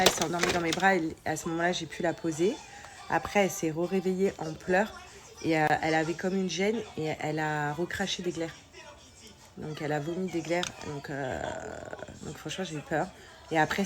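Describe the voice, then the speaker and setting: Talking fairly quickly in a low, steady voice, a young woman vlogs to her followers about being a mom. A cold is setting in, so she sounds congested and nasal with a sore throat, and her chat is informal and hesitant.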